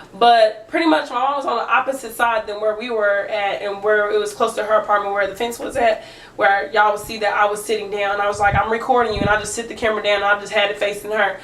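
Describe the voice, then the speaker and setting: A young woman vlogger telling a story in an animated, chatty way, talking straight to her viewers. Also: medium pitch, distant mic. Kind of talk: casual storytime chat. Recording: roomy echo, speaker away from the mic.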